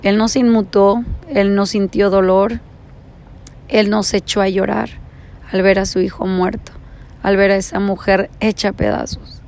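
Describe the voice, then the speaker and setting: Reflective storyteller: woman, mid pitch, gravelly and flat, slow repeating phrasing. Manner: slow, repetitive phrasing, piling up lists of words.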